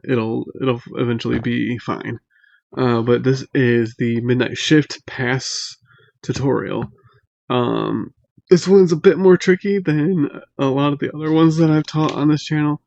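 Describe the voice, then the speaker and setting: A man giving a casual, unscripted tutorial in a halting, hesitant way, pausing mid-phrase, recorded on a laptop microphone. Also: medium pitch, creaky, a little mellow, no echo, lo-fi sound. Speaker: magic tutorial host. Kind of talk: casual unscripted how-to explanation. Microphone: laptop built-in mic.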